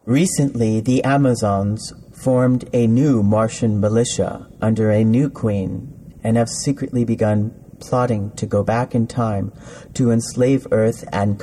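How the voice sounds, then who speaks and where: A man's voice: lowish voice, mellow, a little hiss or hum. Man narrating a campy space tale. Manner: playful, campy storytelling. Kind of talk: scripted narration.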